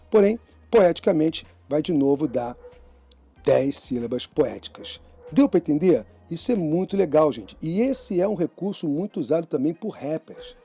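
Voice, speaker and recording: Enthusiastic Brazilian teacher explaining poetry. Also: male voice, on the high side, warm tone, slightly rough. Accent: Brazilian Portuguese. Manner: enthusiastic, explanatory, addresses students as "gente". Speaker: literature teacher. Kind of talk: online class lecture.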